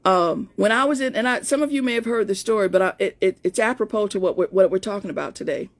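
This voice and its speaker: Talking at a quick pace and medium pitch, a fifty-something life coach shares a personal story with viewers in a relaxed live stream. Her voice is in-between and not very feminine. She's chatty and often starts over.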